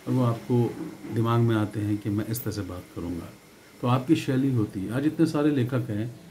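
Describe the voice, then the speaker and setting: A middle-aged man speaks in a mellow, warm voice, giving motivational advice in a relaxed, conversational way. He often pauses on fillers and circles back over his own phrases. His pitch sits in an ordinary middle range. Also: slight background noise. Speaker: network marketing speaker. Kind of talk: motivational talk.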